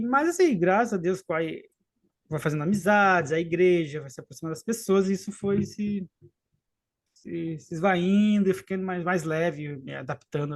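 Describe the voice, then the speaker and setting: On a podcast chat, a guest and co-host in his late thirties recounts something personal, his voice on the high side with vocal fry. He's from Rio Grande do Sul in southern Brazil, carries a faint gaúcho accent, and speaks slowly and haltingly, restarting often and drifting into trailing asides.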